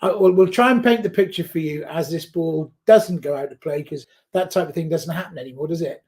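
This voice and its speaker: A high-voiced man commentates on a live rugby match. He breaks down the play in a chatty way. He gets excited and shouts at the big moments. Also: fairly quick.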